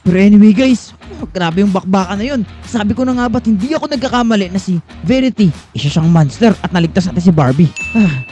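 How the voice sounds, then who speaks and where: A man from the Philippines narrating a Minecraft role-play, jumpy and loud, constantly calling out to his viewers. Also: high voice, expressive, brisk, faint music behind. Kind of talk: excited gameplay commentary and role-play.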